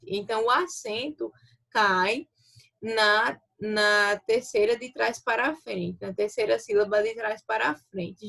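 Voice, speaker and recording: A woman's voice: a little high, a bit bright. A Brazilian woman teacher giving a recorded video lesson, explaining step by step and checking in with her students often. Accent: Brazilian Portuguese. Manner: explanatory, checks in with frequent rhetorical tags.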